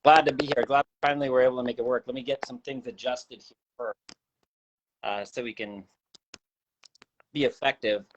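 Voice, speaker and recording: A man's voice: mid-range voice, steady tone, lo-fi sound, a little hiss or hum. Man on a video call with uneven volume. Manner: fiddling with his setup, brisk and practical. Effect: uneven volume, audio cutting in and out over a laggy connection. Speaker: guest, business owner. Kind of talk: casual chat.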